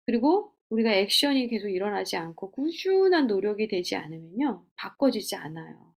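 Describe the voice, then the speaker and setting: Gravelly-voiced woman teaching gently. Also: medium pitch, sing-song, normal speed. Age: middle-aged. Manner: gentle, coaching, asks rhetorical questions. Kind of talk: teaching lecture on communication.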